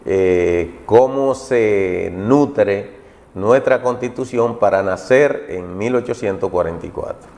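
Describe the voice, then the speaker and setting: A man's voice: lowish voice, slow, darkish tone. A man with a Dominican Caribbean accent co-hosts a television discussion, agreeing and echoing the other speaker. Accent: Dominican Spanish. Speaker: TV co-host. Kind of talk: interview discussion with short affirmations. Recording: reverberant hall-like sound.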